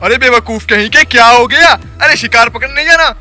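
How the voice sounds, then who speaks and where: A shrill, high-pitched ghost chief who snaps insults at his helper and cackles, acted by a man. His voice is bright and cutting, and faint music plays underneath. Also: a little fast, full character voice. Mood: bossy. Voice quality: scolding, insulting, with cackling laughs. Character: bossy, bad-tempered male ghost leader who kidnaps children. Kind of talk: comic Hindi skit acting.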